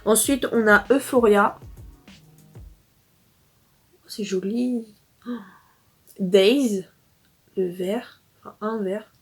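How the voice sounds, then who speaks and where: A woman's voice: mid-range voice, extremely slow, long pauses, slightly rough, soft background music. A teenage girl from France chatting casually through a makeup palette review, rambling with fillers and self-corrections. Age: teens. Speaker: beauty vlogger.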